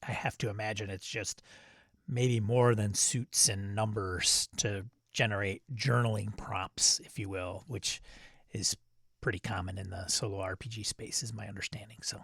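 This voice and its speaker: A man's voice: fairly low pitch, fairly even intonation, normal speed, vocal fry, a bit bright, slightly rough, dry recording, studio quality. A man from the United States co-hosting a podcast, talking casually with lots of fillers and trailing-off sentences, poking fun at himself. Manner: chatty, self-deprecating, trails off into filler. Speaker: podcast co-host. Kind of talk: casual chat.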